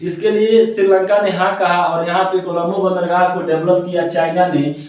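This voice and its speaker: A man teaches geography from a map with a rather high voice. He says every point twice and recites lists in a sing-song chant. The sound is very roomy and echoey, and he stands a little away from the mic. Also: level tone, normal speed, a little mellow, distant mic. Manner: repeats each point twice. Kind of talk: classroom-style map lesson.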